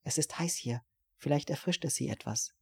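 A man voicing a shy, considerate young man in an audiobook, speaking in a soft whisper. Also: on the high side, moderate pace, vocal fry, slightly rough, exaggerated voice. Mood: gentle. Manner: whispering softly. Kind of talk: audiobook character reading.

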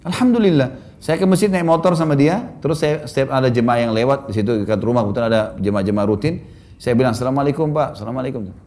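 A man preaching to a congregation, telling anecdotes about his children in a warm storytelling way and often chuckling at his own stories. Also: mid-range voice, fast talker.

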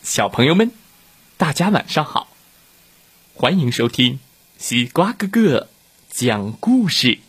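A man telling a bedtime story to young children, speaking in a warm, drawn-out, child-directed way. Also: medium pitch, sing-song.

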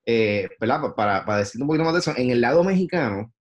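A man with a Puerto Rican Spanish accent, a podcast guest who once worked in sports television, talking things through slowly with many fillers. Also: medium pitch, lively intonation. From Puerto Rico. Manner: thoughtful, many fillers like "este". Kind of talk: casual podcast chat.

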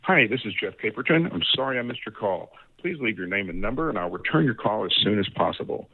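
A man's voice: fairly low pitch, animated, fast. A man's own recorded answering machine greeting, heard as a polite, brief outgoing message played through a phone line. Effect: recorded answering machine greeting over a phone line. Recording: tinny phone line, distant and husky.

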